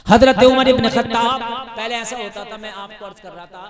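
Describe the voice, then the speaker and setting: A man preaching a sermon at a religious gathering, moving from quiet conversational talk to loud chanted storytelling. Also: very high voice, a little fast. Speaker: Islamic preacher. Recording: live gathering with crowd behind.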